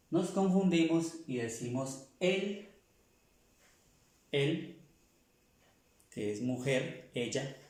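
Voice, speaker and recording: Heard from a distance in an echoey room, this man's voice leans high and a little mellow. He's a French teacher giving a slow classroom explanation of pronunciation, patiently repeating each sound several times off-mic.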